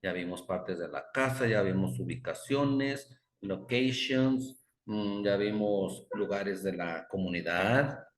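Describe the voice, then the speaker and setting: A man's voice: lowish voice, slow. A male English teacher explaining grammar to a class. He repeats example words over and over as he drills them, and stops now and then to correct himself. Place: classroom with students. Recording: roomy classroom echo.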